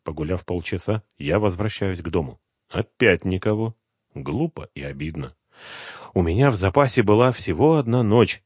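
A male narrator with a lowish voice and a lively, expressive pitch, reading a first-person thriller. His delivery is tense and brooding. The recording is dry and close, like a studio booth. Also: normal speed, breathy edge, no echo. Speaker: audiobook reader.

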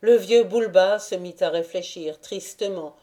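A woman narrating a classic novel as an audiobook in a measured, deliberate reading. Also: medium pitch, mellow.

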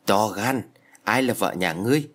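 Stern elderly exorcist, scolding and commanding, read by a male narrator, husky. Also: lowish voice, lively intonation, moderate pace, a bit bright.

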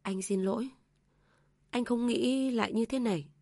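A woman's voice: a little high, moderate pace, darkish tone, no echo. Female narrator doing a troubled young husband in a storybook, restrained, dry close voice. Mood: subdued. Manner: restrained, then raising his voice. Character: young husband torn between mother and wife.

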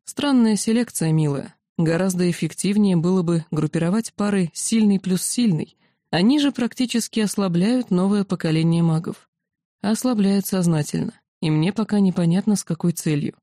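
A woman voicing a calm male dragon commander who explains things patiently, in a storybook reading. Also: fairly low pitch, moderate pace, no room sound, studio quality, lightly acted. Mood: wry, explaining.

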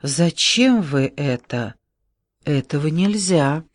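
A man reading an audiobook, voicing a gentle, flustered giant of a man who speaks slowly and hesitantly. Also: on the high side, lively intonation, no room sound, studio quality. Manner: slow, hesitant, breathless delivery.

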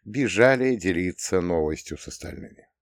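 A man's voice: low voice, lively intonation, normal speed, no echo. A man narrating a first-person audiobook in a wry, dry storytelling manner. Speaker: audiobook reader.

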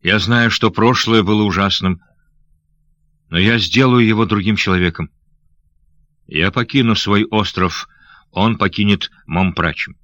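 A man's voice: on the low side, measured pace, pauses often, a bit bright, no echo. A man voicing a young noble lady who is anxious and loving, speaking in breathless, pleading questions. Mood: earnest.

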